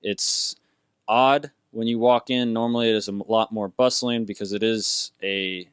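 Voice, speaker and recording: A young man narrating as game master for a tabletop game, with a low, smooth voice. He talks in a rambling, hesitant way full of fillers. The sound is dry and close. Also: no room sound.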